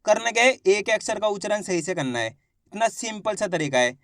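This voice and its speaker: A man teaching children's Hindi reading online, sounding out words syllable by syllable and then saying each whole word louder, while urging viewers to repeat after him. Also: high voice, expressive, a little fast, no room sound, clean studio sound. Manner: addresses the viewers as friends and urges them to repeat after him.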